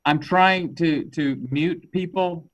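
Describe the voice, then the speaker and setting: A man's voice: fairly high pitch, fairly even intonation, slow, a bit bright, highs cut off. A man on a video call, running a virtual meeting and giving firm, practical instructions to the attendees. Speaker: meeting organizer.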